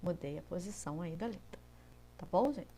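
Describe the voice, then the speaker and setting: A woman's voice: fairly low pitch, expressive, moderate pace, warm tone, a little hiss or hum. A Brazilian woman teaching Spanish in a recorded video lesson, explaining patiently step by step and often checking in with her students. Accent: Brazilian Portuguese.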